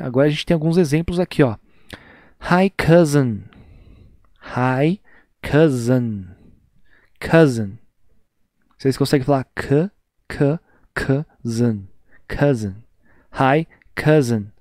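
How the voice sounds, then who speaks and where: A Brazilian teacher with a mellow, relaxed voice, recorded dry and close with no room sound. He stretches English phrases out slowly and repeats them so his students can copy him. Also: on the high side, dry recording. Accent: Brazilian Portuguese. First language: Portuguese. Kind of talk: online class teaching.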